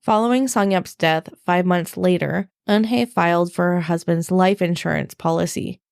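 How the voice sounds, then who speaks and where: Woman, low voice, scripted true crime narration, measured and explanatory, dry close sound. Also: vocal fry, darkish tone, smooth, dry recording. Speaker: podcast host.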